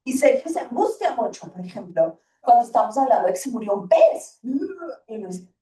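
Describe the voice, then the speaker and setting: A woman, giving a lively parenting talk to an audience and acting out the lines of children and parents. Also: on the high side, fairly quick. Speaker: school talk speaker for parents. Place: hall or gym. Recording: echoey room, voice from far off.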